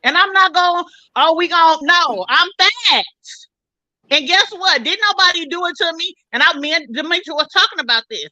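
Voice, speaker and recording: A woman talking bluntly and loudly in a casual podcast chat, full of slang. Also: very high-pitched, expressive, normal speed, no room sound, low-quality recording. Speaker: panelist.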